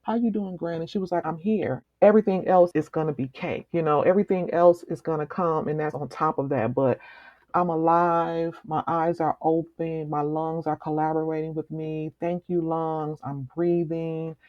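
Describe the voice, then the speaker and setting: A woman guest speaking slowly and earnestly in a reflective, meditative conversation. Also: sits low, fairly even intonation, no room sound. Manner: slow, meditative, earnest with soft laughs. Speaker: author guest. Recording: slightly muffled lo-fi recording.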